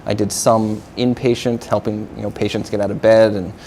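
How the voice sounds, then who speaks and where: A man in his thirties from the New York area, a physical therapist answering interview questions in a halting way, with lots of fillers. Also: fairly low pitch, little pitch movement, dark tone, a little hiss or hum. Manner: halting, many uh fillers, agreeable.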